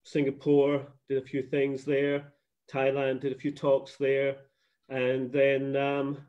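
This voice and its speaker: A middle-aged man talks chattily from his home office, doubling back and restarting his sentences as he goes. His voice sits at an ordinary middle pitch and comes through a slightly muffled video call line. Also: monotone, slow pace, darkish tone. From Scotland. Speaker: guest. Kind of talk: casual video call interview. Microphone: laptop webcam video call.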